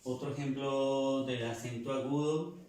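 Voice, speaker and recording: Slow male teacher in an echoey room. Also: medium pitch, steady tone, darkish tone, far from the mic. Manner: slow, repeats words to drill pronunciation. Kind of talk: language lesson.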